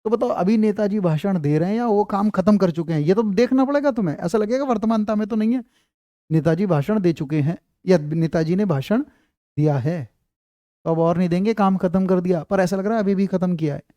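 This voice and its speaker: A man teaching Hindi grammar in an online class, slowly repeating example sentences and speaking into a clip-on mic. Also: high-pitched, dark tone, no room sound, highs cut off.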